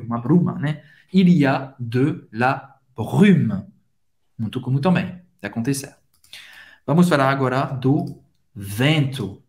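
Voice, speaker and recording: A man gives a language lesson in an unhurried way, letting each phrase land before he repeats it. His voice sits a little high for a man. He talks like a patient teacher running pronunciation drills. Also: a little mellow. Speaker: French teacher.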